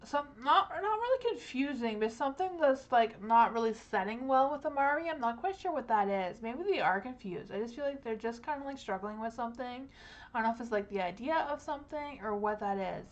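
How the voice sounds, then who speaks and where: A woman's voice: fairly high pitch, expressive, brisk, lo-fi sound. A young woman live-streaming tarot readings, talking in a rambling, hesitant way with many likes and ums. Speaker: tarot reader.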